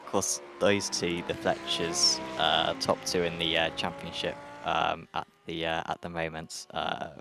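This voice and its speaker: Deep-voiced hesitant male race commentator. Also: monotone, unhurried, creaky, hardly any pauses, background noise. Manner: hesitant, many fillers. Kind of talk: sim racing broadcast commentary.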